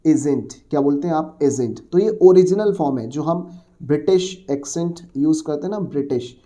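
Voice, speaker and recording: Man explaining grammar rules in a mellow voice. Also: fairly high pitch, moderate pace. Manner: explains patiently, repeats himself, asks the class questions and answers them; mixes Hindi with English words and phrases. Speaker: English teacher. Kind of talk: exam-prep grammar lesson.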